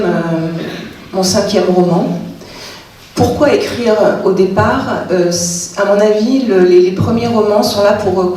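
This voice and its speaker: At a public literary talk in a cultural centre hall, a woman author speaks hesitantly, full of fillers and restarts. Her mid-range voice is a little mellow, and the echoey recording, captured from far off, carries a little hiss or hum.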